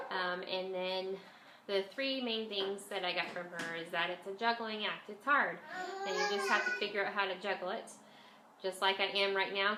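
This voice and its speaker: A woman chatting casually as a homeschool vlogger, with a stuffed-up, nasal voice from a cold, as if pinching her nose. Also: mid-range voice. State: has a bit of a cold. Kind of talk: casual chat to camera. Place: at home, indoors. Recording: echoey room, faint background noise.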